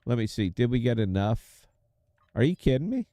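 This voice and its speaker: A man's voice: mid-range voice, big pitch swings, moderate pace, mellow, no echo. A man, chatting casually to viewers while he plays a game. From United States. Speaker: game streamer. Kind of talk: casual gameplay commentary.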